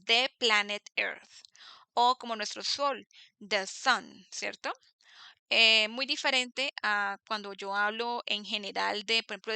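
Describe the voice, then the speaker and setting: A woman teaching English grammar in class, explaining patiently, slowing down to model example words and often checking that students follow. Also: mid-range voice, creaky, bright, forceful tone, clear, resonant tone, no room sound. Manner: patient, keeps checking understanding with tag questions.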